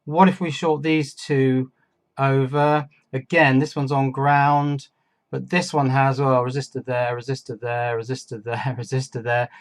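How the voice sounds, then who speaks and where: In his electronics workshop video, a man works through a casual hands-on demonstration, musing aloud and quizzing himself. His delivery is flat and measured, at a medium pitch.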